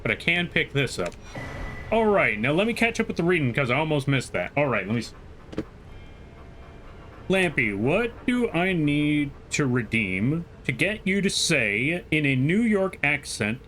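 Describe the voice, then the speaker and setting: A man gives chatty live game commentary, his voice bouncing widely up and down with a bright, forward edge. He jokes around and reads messages from chat aloud as he plays. His voice sits a little higher than most men's. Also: big pitch swings, unhurried, a little hiss or hum. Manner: playful, joking. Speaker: streamer.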